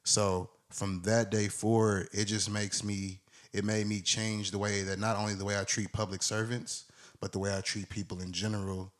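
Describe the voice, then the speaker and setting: Low-voiced man telling a story. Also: normal speed. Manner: animated storyteller, acts out voices in his story. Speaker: podcast co-host. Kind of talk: casual storytelling chat.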